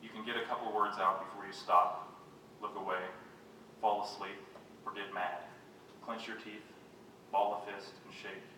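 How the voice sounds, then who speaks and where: A man giving a live poetry reading, reading his own poems in a measured, unhurried way and making wry, self-mocking jokes between them. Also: lowish voice, flat delivery, bright, forceful tone. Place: reading venue with a live audience. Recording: very echoey room, voice picked up from a distance, faint background noise.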